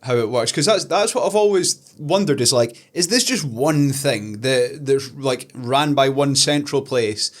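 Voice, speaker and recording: A man's voice: medium pitch, lively intonation, unhurried, few pauses. A man hosting an interview podcast, chatty and casual, filling his questions with "like". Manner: chatty, uses "like" a lot. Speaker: podcast host.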